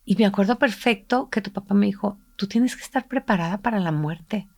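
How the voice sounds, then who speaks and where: A middle-aged woman, a mother and podcast co-host, tells a personal story briskly in a mid-range, somewhat mellow voice during an intimate podcast chat. Her retelling is emotional and reflective, and she takes on the voices of the people she quotes.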